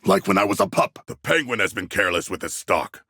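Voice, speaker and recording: Big gravelly shark man from a video game, super formal and earnest, swings up and down a lot. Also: fairly low pitch, wildly swooping pitch, fairly quick, pushed and bright, no room sound, studio quality, heavily acted. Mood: thoughtful, earnest. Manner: stiff formal diction, grandiose and literal-minded. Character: huge male shark-man warrior, formal, earnest, proudly ferocious. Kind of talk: video game character battle barks.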